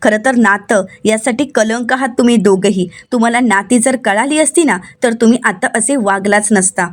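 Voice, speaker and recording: A woman voicing a stern young man who calmly lays out how he foiled a plot. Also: a little high, moderate pace, close to an everyday voice.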